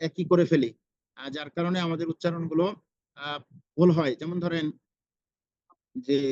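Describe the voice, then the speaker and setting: A man with a Bangladeshi Bengali accent teaching Quran pronunciation, saying each letter over and over, slow and patient. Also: on the high side, fairly bright tone, no echo, highs cut off. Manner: slow, repeats each sound several times. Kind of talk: pronunciation lesson.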